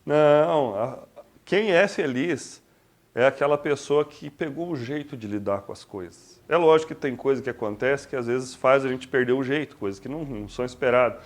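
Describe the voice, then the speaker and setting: A man's voice: mid-range voice, moderate pace. A man in his forties with a Brazilian accent, talking casually and reflectively, asking rhetorical questions and acting out small everyday scenes. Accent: Brazilian Portuguese. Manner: conversational and expressive, rhetorical questions, acts out little scenes. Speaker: speaker giving a reflection talk.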